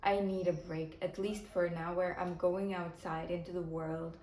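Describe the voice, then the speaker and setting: A young book vlogger whose first language is Ukrainian chats casually about what she's reading, thinking aloud and restarting her sentences. She sounds tired, with a fairly low, level, slightly mellow voice at a moderate pace, recorded far from the mic in a roomy space with faint background ambience.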